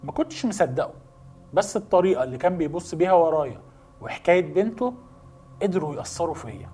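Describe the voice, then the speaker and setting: An Egyptian man narrates a first-person horror story with brisk suspense. He keeps a quick pace in a slightly high voice. Faint music runs under him. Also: lively intonation, mellow. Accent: Egyptian Arabic. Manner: brisk, suspenseful, addresses the listener directly.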